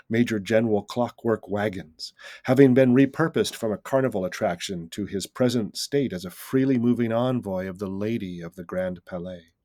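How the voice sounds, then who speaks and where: A man, the author, reading aloud from his novel in a measured, deliberate storytelling manner. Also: on the low side, warm tone, dry recording, studio quality. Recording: reading with guitar music behind.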